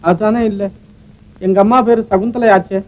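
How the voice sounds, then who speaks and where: A grieving young doctor, played by a man, tells of his loss in a choked, tearful voice. The voice sits very high for a man, with theatrical 1950s film melodrama delivery. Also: steady tone, normal speed, highs cut off, close to an everyday voice. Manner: emotional, theatrical storytelling.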